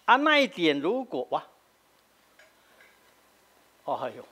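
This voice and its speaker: Middle-aged Taiwanese-accented pastor, teaching sermon, slightly high and very animated delivery, habitual "hah" tags. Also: male voice, slow pace, husky. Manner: explanatory, frequent filler "hah" tags, switching between Taiwanese and Mandarin.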